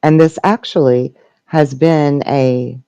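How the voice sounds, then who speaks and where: A man speaking as a seance medium in trance, voicing a benevolent collective spirit guide with formal, halting phrasing. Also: on the high side, fairly even intonation, mellow, clean tone, no room sound, muffled recording. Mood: serene, hopeful. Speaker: trance channeler answering questions. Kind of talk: trance channeling question and answer session.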